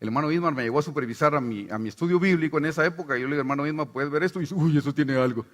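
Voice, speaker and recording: A man's voice: on the high side, rapid-fire. A middle-aged man from Guatemala, a pastor with a Guatemalan Spanish accent, preaching a sermon and telling stories while acting out the voices of the people in them. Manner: animated storytelling, acts out voices.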